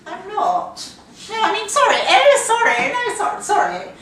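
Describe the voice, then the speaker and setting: A prim, plummy English girl, as a woman plays her, high and swooping all over the scale. Her over-polite voice sounds far from the mic in an echoing hall, with a faint hiss behind. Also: wildly swooping pitch, moderate pace, crowd noise, heavily acted. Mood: flustered. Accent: posh English. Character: prim posh young English lady, flustered. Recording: roomy echo, distant from the mic, faint noise.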